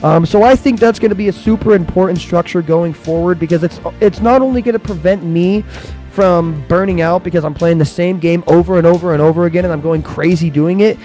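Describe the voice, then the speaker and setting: A man's voice: high voice, a little fast, mellow, faint music behind. A man who says w for r, giving a casual, rambling update to viewers as the streamer of a gaming channel. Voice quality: trouble pronouncing R sounds, says w for r. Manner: rambling and conversational, often checks in with "right?".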